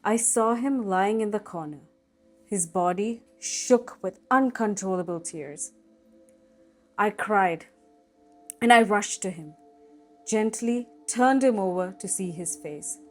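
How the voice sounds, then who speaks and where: A woman narrates a creepy tale in a slow, dramatic storytelling manner, leaning into the suspense. Her pitch sits at a middling level, and she takes her time with every line. Soft music plays faintly beneath her voice. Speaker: storytelling cooking channel host. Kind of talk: reading a scary story aloud.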